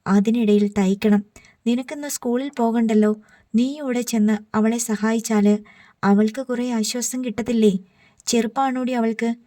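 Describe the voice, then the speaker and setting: A woman's voice: on the high side, steady tone, normal speed, no room sound, clean studio sound, natural voice. A woman reading the lines of an angry middle-aged father who scolds his daughter. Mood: stern. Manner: scolding, forceful.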